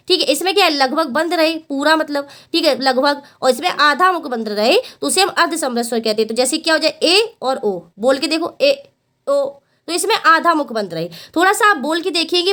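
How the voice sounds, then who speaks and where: High-voiced woman teacher drilling her class. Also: fairly bright tone. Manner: asks the class questions and answers them herself; repeats each point. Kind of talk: exam-prep Hindi lesson.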